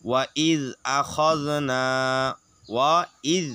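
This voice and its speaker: A man teaching Quran recitation, explaining rules quickly and then reciting words slowly and drawn out. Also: on the high side, steady tone, pushed and bright, clear, resonant tone, no room sound. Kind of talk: spelling-out recitation lesson.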